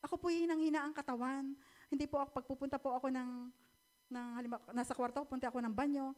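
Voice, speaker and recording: A middle-aged woman speaks in a high, light voice as she gives a personal faith testimony at church. Her storytelling is polite and heartfelt, and it turns emotional as she recalls hard times. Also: flat delivery, fast, a little mellow. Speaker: church member giving testimony.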